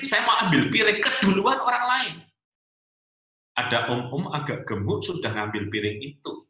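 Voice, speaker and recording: A male pastor giving a humorous sermon at a couples' webinar, telling stories in an animated way with many rhetorical asides. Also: on the low side, roomy sound.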